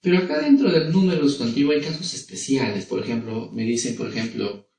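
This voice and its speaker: A male primary school teacher with a Peruvian Spanish accent, explaining grammar to children slowly and repetitively, often checking in with them. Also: medium pitch, expressive, vocal fry, darkish tone, slight background noise. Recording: echoey room, voice from a distance.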